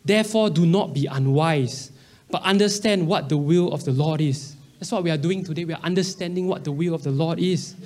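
Singlish-speaking young man preaching, higher-pitched voice. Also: brisk, darkish tone. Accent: Singaporean. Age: early 30s. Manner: colloquial Singlish with particles and slang. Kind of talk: conversational sermon.

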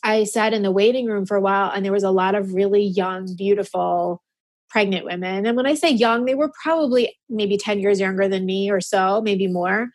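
A woman's voice: mid-range voice, brisk. A woman in her forties talking openly and earnestly as an interview guest, emotional at times. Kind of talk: candid personal conversation.

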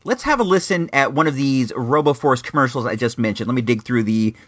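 A man's voice: mid-range voice, animated, brisk, noisy background. A middle-aged man hosting a vintage toy show in a rambling, slangy, casual way with wry asides. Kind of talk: casual chatty retro toy review.

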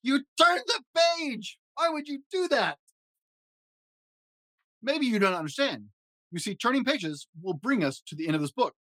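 A man's voice: high voice, very animated, fairly quick, a bit bright, no room sound, pitched above the performer's own voice, exaggerated voice. A man voicing a lovable, nervous furry monster who begs and frets in a storybook reading. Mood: explaining. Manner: fretful, begging, dramatic exclamations.

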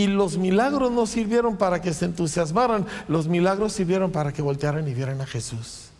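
A man preaching a sermon in a church, firing off rhetorical questions and quick asides. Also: high voice, a little mellow. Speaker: pastor. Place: church sanctuary. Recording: long church reverb.

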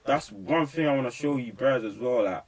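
A man's voice: medium pitch, fairly quick, slightly rough. A young man with a London roadman accent, talking emphatically and preachily in heavy street slang in a casual interview. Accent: London roadman, urban slang. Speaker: rapper being interviewed. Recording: slightly distant microphone.

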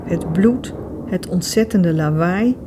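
A woman reading a novel aloud in steady, measured audiobook narration. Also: fairly low pitch, background noise. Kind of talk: scripted narration.

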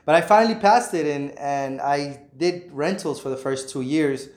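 A man's voice: fairly high pitch, lively intonation, moderate pace, darkish tone. A man in his thirties, a realtor guest in an empty apartment, talking frankly and earnestly with many "you know"s. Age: 30s. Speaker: realtor and property investor, guest. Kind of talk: casual interview. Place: vacant apartment unit indoors. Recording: echoey empty room.

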